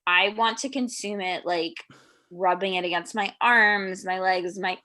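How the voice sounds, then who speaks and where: A woman's voice: medium pitch, measured pace, sharp tone. A woman with the hiccups co-hosting an improvised comedy scene over a home video call, playful and theatrical. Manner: playful, overly earnest, theatrical. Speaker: improv co-host.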